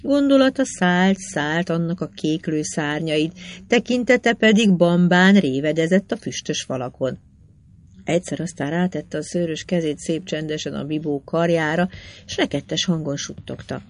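An audiobook narrator reading a classic novel in a measured, even storytelling manner. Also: medium pitch.

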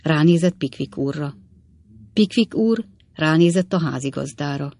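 A woman narrating an audiobook in a calm, even storytelling manner. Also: sits low.

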